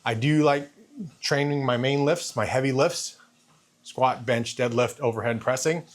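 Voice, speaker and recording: A man's voice: mid-range voice, a little slow. Man in his fifties talking on a treadmill. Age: 50s. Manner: talking while walking on a treadmill. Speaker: fitness vlogger. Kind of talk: casual vlog monologue.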